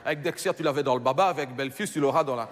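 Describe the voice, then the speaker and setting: The comedian again plays the gossipy middle-aged Belgian French housewife, stammering and rambling through self-corrections in a stand-up monologue. Now his medium-pitched voice, close to an everyday one, goes very fast in a large, very noisy hall.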